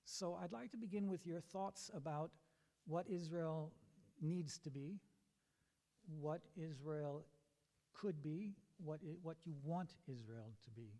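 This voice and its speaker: A man moderating a community panel from the bima, relaxed and joking. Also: a little high, measured pace. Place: synagogue sanctuary. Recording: long hall reverb.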